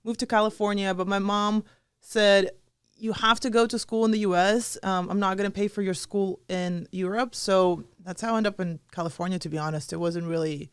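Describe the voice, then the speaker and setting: A young woman with a Russian accent tinged with British English chats as a podcast guest. Her voice is smooth and resonant, and the sound is close and dry. She rambles in a friendly way, with lots of "like" and "um". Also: medium pitch, dry recording. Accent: Russian, with some British English. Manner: chatty storyteller, many "like" and "um" fillers. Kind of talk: casual interview chat.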